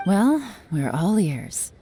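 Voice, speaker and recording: An actress playing a cool, commanding lady spymaster in a video game, composed, shrewd and measured. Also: lowish voice, very animated, dark tone, slight background noise. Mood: composed, probing. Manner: measured, authoritative, terse.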